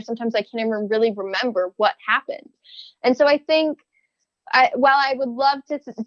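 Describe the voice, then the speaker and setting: A young woman speaks as an interview guest, thoughtful and a bit hesitant, often restarting sentences. Her voice sits higher than most. The sound is dry and close, a little dull and muffled. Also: no room sound. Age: young adult. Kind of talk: casual interview talk.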